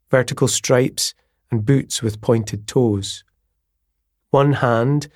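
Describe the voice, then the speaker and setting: A man reading a novel aloud in a measured, descriptive storytelling manner. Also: medium pitch, darkish tone, dry recording, studio quality. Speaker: audiobook narrator. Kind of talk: scripted narration of a novel.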